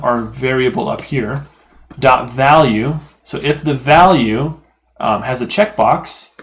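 A man hosting a programming tutorial, talking casually through the code with fillers and self-corrections as he works. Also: medium pitch. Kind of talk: screen-recorded coding lesson.

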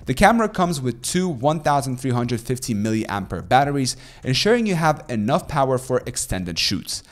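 A young man in his twenties narrating a scripted product review, reading specs and prices in a steady, promotional way, recorded in a small room on a studio boom microphone. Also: normal speed.

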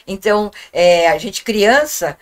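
A woman's voice: mid-range voice, lively intonation, takes it slowly. A woman, telling childhood memories as a guest in a small podcast studio, speaking reflectively into a desk microphone. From Guarulhos, Brazil. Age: 70s. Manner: warm, reflective storytelling with gestures. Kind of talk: reminiscing interview talk.

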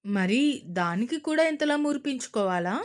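A woman's voice: on the high side, expressive, close to an everyday voice. Woman voicing a teasing young husband. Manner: quick, teasing and bossy. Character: teasing, confident husband, young adult man. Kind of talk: audio story reading.

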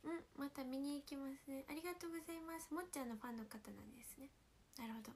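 Teenage woman, Kansai accent, higher voice, hushed casual livestream chat through a sore throat, on a phone mic with faint noise. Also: rapid-fire. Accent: Kansai Japanese. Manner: soft-spoken, often drops to a whisper. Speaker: idol livestream host.

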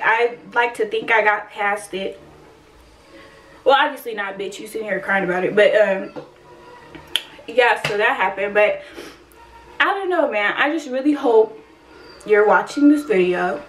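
A woman's voice: medium pitch, unhurried, long pauses. Blunt, profane woman in her twenties. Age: 20s. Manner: blunt, profane, emotional storytelling. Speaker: vlogger. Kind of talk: casual storytime monologue. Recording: roomy echo, distant from the mic, faint ambient noise.

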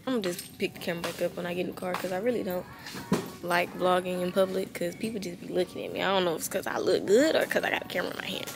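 A teenage girl with a lowish, fairly even voice talks rapid-fire with vocal fry, her nose stuffy and congested. She's chatting casually for a vlog, candid and rambling, drifting into asides.

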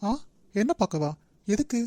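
A woman's voice: mid-range voice, sing-song, normal speed, dark tone, no room sound, close to an everyday voice. A woman playing a curt, withdrawn young man. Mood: reserved. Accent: Nagercoil Tamil. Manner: curt, reserved. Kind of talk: cartoon voice acting.

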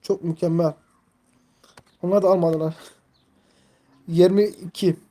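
A young man in his twenties hosts a casual live stream, talking in a mellow, soft-edged tone. He rambles, leans heavily on fillers and reads the chat aloud as he goes. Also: sits high, steady tone, slow pace. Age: 20s.

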